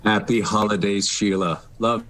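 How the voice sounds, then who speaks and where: Speaking at a normal speed with fairly even intonation, this man has a fairly low, slightly bright voice. He's a middle-aged or older stage actor appearing as an interview guest over a remote video call, reflecting casually but earnestly and expressively.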